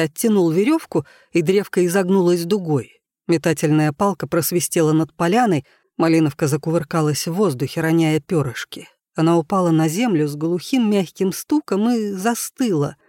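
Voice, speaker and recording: Male audiobook narrator, calm even storytelling, dry close mic. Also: fairly high pitch, no echo. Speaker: audiobook reader. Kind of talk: scripted narration.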